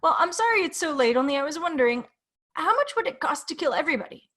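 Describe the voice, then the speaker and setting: A woman puts on a nervous middle-aged office clerk for a read-aloud story. His voice sits higher and louder than her narration, stammering and hesitant, tumbling over his words as if afraid to ask. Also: big pitch swings, quick pace, exaggerated voice. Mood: anxious.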